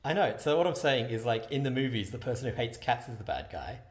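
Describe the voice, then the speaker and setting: A man's voice: medium pitch, animated, fast. A man co-hosting a podcast in casual, playful chat, heard over a video call from an empty school hallway with a big hall echo. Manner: playful, teasing, chatty. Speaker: podcast co-host. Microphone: Skype video call.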